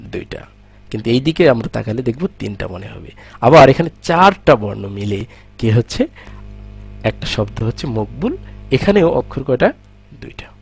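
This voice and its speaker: A man's voice: mid-range voice, very animated, moderate pace, vocal fry, long pauses, breathy edge, soft background music. A man teaching an exam-prep grammar lesson with a Bangladeshi Bengali accent, asking questions and answering them himself.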